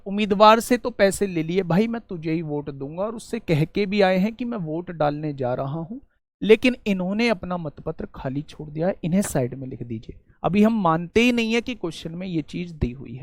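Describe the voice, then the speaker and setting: A man teaching an exam-prep maths lesson in a lively, coaxing way, asking his students questions and answering them himself. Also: sits high, no room sound. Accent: Hindi.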